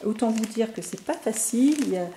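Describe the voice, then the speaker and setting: A woman's voice: a little high, animated, a little fast, mellow, a little hiss or hum. A French woman talking through a scrapbooking haul for her viewers, chatty and enthusiastic, with lots of fillers and restarts. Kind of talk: casual product haul talk to viewers.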